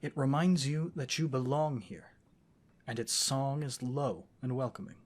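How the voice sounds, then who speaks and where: A man performs a scholarly wizard boyfriend in a fantasy audio roleplay, using gentle, courtly phrases in a natural, mid-pitched voice. He speaks a little slowly, intimate and affectionate as if to a beloved companion, in a gentle, instructive mood.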